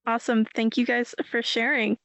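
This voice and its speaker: A woman hosts a radio interview in a polite, upbeat manner. Her voice sits a bit high. The sound is dry and close to the mic. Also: flat delivery, moderate pace, a bit bright, no room sound. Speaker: radio host.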